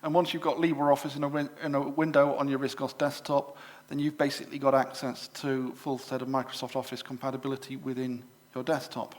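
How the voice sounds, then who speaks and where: A man's voice: medium pitch, flat delivery, brisk, few pauses. Chatty English man demoing at a show. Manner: chatty, with frequent fillers and self-corrections. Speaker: presenter at a computer club show. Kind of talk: live product demonstration to an audience. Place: exhibition room at a club show.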